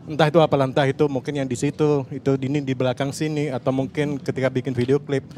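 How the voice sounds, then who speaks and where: A man's voice: medium pitch, level tone, fast, a little mellow, soft background music. A man, a podcast co-creator explaining his camera and sound work on a panel, often restarting and searching for words. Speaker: podcast co-creator and cinematographer guest. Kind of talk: casual panel talk, explaining.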